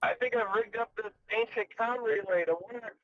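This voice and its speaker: Guy on a busted ham radio losing power, high thin tinny voice, keeps repeating himself. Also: normal speed. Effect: distorted, mistuned ham radio losing power. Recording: tinny, phone-like radio signal.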